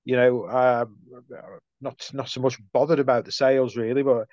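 A middle-aged man with a Stoke accent chatting casually as an interview guest, speaking haltingly and repeating words, on slightly dull audio. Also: mid-range voice, fairly even intonation, a little mellow, dry recording. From Stoke, England. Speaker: podcast guest, football writer.

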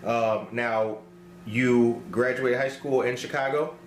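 A man hosting a local community show, reading news and shout-outs in an upbeat, casual way, then interviewing a guest. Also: medium pitch, steady tone, slow, slight background noise. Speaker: host.

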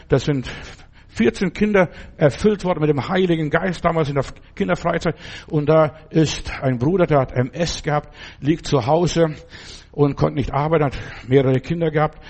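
A man's voice: on the high side, normal speed, darkish tone. A man giving an informal sermon full of personal stories, talking straight to the listener as a friend and often checking that they follow. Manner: conversational, keeps asking "verstehst du?"; addresses the listener directly as a friend. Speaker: preacher.

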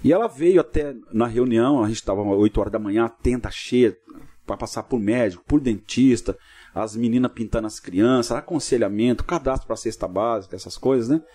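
A pastor guest on a podcast talks quickly and tells his stories in a husky, mellow voice. He acts out the lines of the people in his stories as he goes. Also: mid-range voice. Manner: fast, vivid storyteller acting out dialogue. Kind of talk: casual storytelling interview.

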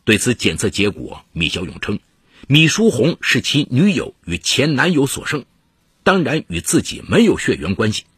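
Male narrator for a crime story: breathy rasp, animated delivery, dry booth sound. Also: mid-range voice, no echo. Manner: measured storytelling with dramatic emphasis. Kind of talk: scripted true-crime narration. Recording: dry close studio voice-over.

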